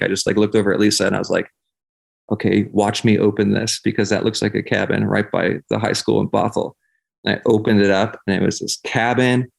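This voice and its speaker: A man's voice: lowish voice, gravelly. A man talking candidly and casually as a podcast guest, in an earnest, rambling way peppered with swearing.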